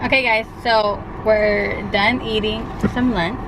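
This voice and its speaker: A young Californian woman co-hosting a couple's vlog tells a rambling, chatty story packed with "likes" and restarts. She speaks slowly in a mid-range voice with fairly even intonation, while street and car noise plays outdoors behind her.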